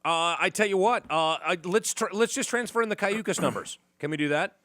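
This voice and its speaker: A man's voice: high voice, brisk, sharp tone, no room sound, studio quality. A man hosting a morning radio talk show, chatting casually with a wry, joking manner and plenty of fillers. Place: radio studio. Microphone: studio microphone.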